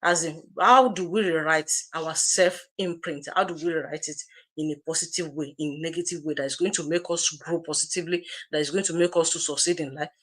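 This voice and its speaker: A woman's voice: low-pitched, fairly even intonation, brisk, fairly bright tone. A woman co-hosting a livestream, giving an emphatic motivational talk straight to her viewers and repeating phrases to drive them home. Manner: direct, addresses viewers as you. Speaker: co-host of an online business community livestream.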